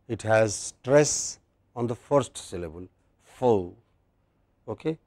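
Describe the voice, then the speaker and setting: A man giving a classroom lecture on English word stress. He speaks slowly and patiently, repeats phrases and checks that his students follow. The sound is dry and close. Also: fairly low pitch, animated, a little mellow, no echo. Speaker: English pronunciation teacher.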